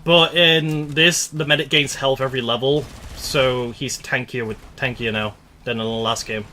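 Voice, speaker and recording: A man's voice: mid-range voice, fairly even intonation, normal speed, bright, forceful tone, a little hiss or hum. A young man chatting casually while playing a game, rambling and laughing at himself. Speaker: gaming streamer. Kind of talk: casual gameplay commentary.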